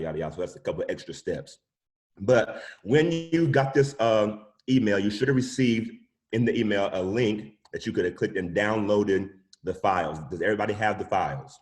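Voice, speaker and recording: A man with a very low voice leads a live online music production workshop over a video call. He talks in a loose, chatty way, dropping y'all and yada yada as he goes. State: sucking a cough drop.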